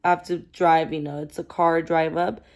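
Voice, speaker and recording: A woman's voice: low voice, flat delivery, moderate pace, darkish tone. A young woman vlogging in a chatty, rambling way, full of fillers and asides, talking to a camera she holds close. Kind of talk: casual chat. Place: in a car, then at home. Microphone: camera held close.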